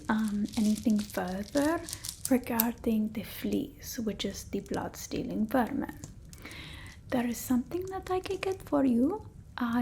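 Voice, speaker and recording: In a soft, whispered ASMR roleplay, a woman plays a quirky, forgetful female vampire potion-maker who deals in old-world folk remedies, using a put-on Eastern European accent. Her slightly high voice is breathy, and she mutters absent-mindedly in a slow, halting, rambling way while sounding helpful and matter-of-fact. A little background noise is present.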